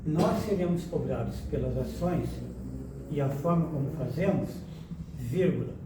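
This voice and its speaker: A man's voice: on the high side, unhurried, distant mic. Man lecturing in an echoey hall. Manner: lively, questions the audience and jokes. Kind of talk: spiritual lecture with audience questions. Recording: echoey room, speaker away from the mic, noise behind.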